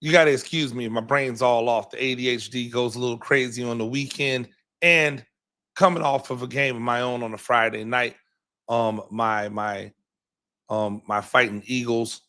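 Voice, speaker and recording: A hoarse man, a podcast host and high school football coach, gives his postgame reaction in a bright, forceful voice despite the strain. He rambles, circles back and repeats words with frequent ums, breaking the game down like a coach. His pitch is mid-range for a man, with fairly even intonation at normal speed.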